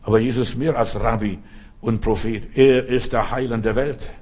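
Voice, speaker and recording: Husky-voiced man preaching a sermon. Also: mid-range voice, steady tone, a little mellow. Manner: emphatic, repetitive preaching with slow drawn-out stresses.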